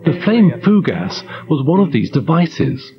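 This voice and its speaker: A man's voice: fairly high pitch, sing-song, a little slow, lo-fi sound, over music. A man in his fifties with a posh British accent, presenting a documentary in a well-spoken manner. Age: 50s. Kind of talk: documentary narration and demonstration.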